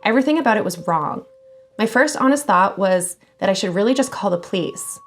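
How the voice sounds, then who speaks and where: A woman hosting a channel where she reads scary online stories aloud, expressive and casual, swearing now and then. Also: mid-range voice, a little fast. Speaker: horror story channel host.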